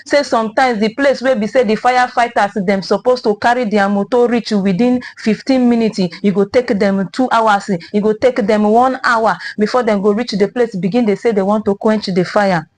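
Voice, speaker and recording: A woman's voice: medium pitch, fairly even intonation, moderate pace, hardly any pauses, a little mellow. A woman with a Nigerian accent anchoring a conversational headline review in Nigerian Pidgin, dotting her phrases with "o" tags.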